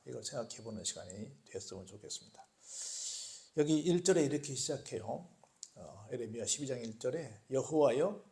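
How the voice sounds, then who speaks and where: A man preaching a sermon at a Wednesday prayer meeting in a church. He asks the congregation questions and answers them himself, and he moves between hushed asides and loud, emphatic bursts. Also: medium pitch, creaky. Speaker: pastor.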